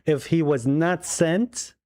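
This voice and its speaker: A man hosting a religious debate, who argues in a pointed, measured way, step by step. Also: fairly high pitch, a little mellow, dry recording. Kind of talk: heated debate.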